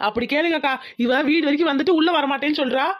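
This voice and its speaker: Woman voicing a teasing young husband in a cartoon, fast and raised. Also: sits high, lightly acted. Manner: teasing, joking. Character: easygoing young husband, village man.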